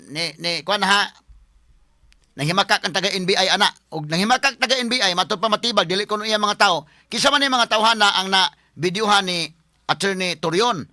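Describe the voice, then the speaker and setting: A man with a high, sharply bright voice hosts a casual commentary show. He chats to viewers as if they were friends and stops often to restart or fill a pause. The sound is close and dry. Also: no echo. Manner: chatty, talks straight to viewers as friends; halting, with many fillers and restarts. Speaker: lawyer and commentary host.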